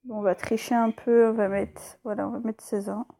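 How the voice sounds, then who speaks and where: A woman's voice: on the high side, flat delivery, moderate pace, gravelly, mellow. A woman hosting a let's play, chatting casually and stumbling a little over her words. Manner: chatty, hesitant, with fillers and stumbles when reading. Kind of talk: casual gameplay commentary.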